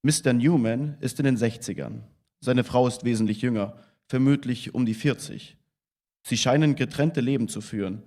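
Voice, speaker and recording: A man giving a calm, measured reading of a novel at a book premiere. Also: medium pitch. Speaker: reader of a novel's translation.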